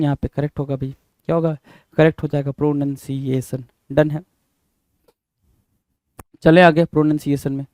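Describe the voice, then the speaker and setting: Hindi-accented guy teaching spelling, kinda high voice, letter by letter, dry close sound. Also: a little mellow, no echo. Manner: spells words letter by letter, repeats words, says 'bhai' often. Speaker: English teacher. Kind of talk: spelling lesson, explaining answers.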